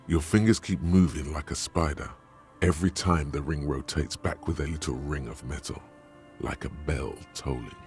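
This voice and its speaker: A man voicing a grave, brooding game narrator, delivering slow, dramatic, somber narration. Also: a bass voice, darkish tone, soft background music.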